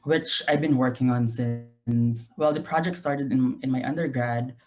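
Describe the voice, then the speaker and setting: A man's voice: medium pitch, fairly even intonation, measured pace, darkish tone, soft background music. Young Filipino man speaking casual Taglish. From Philippines. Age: young adult. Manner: mixes Tagalog and English (Taglish). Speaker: guest lecturer, graduate researcher. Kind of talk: informal online lecture. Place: home room, indoors. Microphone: video call.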